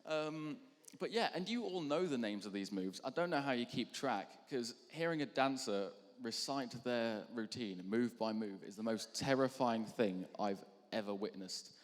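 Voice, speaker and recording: A man's voice: medium pitch, lively intonation, moderate pace. Rambling young man doing stand-up. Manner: rambling, self-deprecating, lots of ums. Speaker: comedian between acts. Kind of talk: stand-up routine. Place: large hall on stage. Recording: hall reverb.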